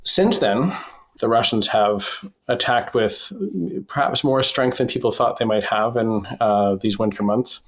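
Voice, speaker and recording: A man reporting by phone from a basement as a foreign correspondent, measured and full of fillers and restarts. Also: fairly low pitch. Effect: phone line. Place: basement in a war zone.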